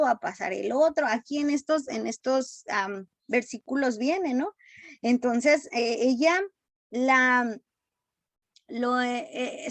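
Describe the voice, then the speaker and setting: A woman teaching a Bible story in a relaxed, unhurried way, often correcting herself and acting out quoted lines. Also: high-pitched, dry recording. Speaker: preacher.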